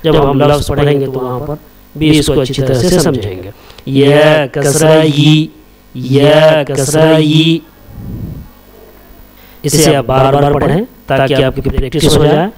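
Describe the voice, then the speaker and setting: A man teaching Arabic letters, repeating each sound patiently in a slow chanting cadence. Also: mid-range voice, steady tone, a loud crowd. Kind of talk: slow recited lesson, drilling letter sounds.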